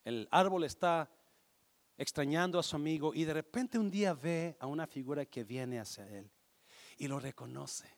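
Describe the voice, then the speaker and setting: A man preaching a sermon and telling a parable, switching between Spanish and English, emphatic and sometimes hushed. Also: a little high, moderate pace, vocal fry. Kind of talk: sermon storytelling.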